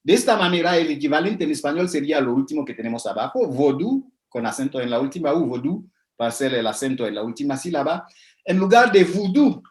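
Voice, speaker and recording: A man lecturing over slides in a fairly high voice, talking his way through ideas with frequent "eh" and restarts. The sound carries a noticeable room echo. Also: expressive, quick pace. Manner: hesitant, many fillers and restarts, explanatory. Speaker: lecturer on religion. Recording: echoey room.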